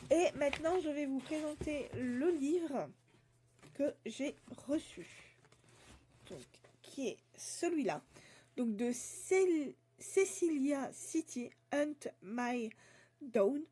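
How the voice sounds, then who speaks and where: A woman vlogger chatting casually about books she received, pausing often with fillers and reading back-cover blurbs aloud. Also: high voice, lively intonation, warm tone. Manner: hesitant, many fillers and restarts; reads book blurbs aloud. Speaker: book vlogger. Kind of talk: casual book haul chat.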